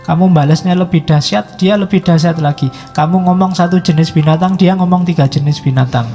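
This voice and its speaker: Brief: male lecturer, fairly high voice with a dark tone, conversational, acts out quarrels in quoted voices. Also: fairly quick, long reverb tail, faint music behind. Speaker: philosophy lecturer. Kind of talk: casual lecture at a mosque study session. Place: mosque hall.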